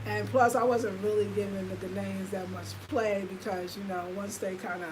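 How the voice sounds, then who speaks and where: A lifestyle vlogger in her fifties with an American accent chats casually and confidingly with her livestream viewers, filling her talk with fillers. Her voice is medium in pitch with fairly even intonation, delivered at a normal speed over a noisy background.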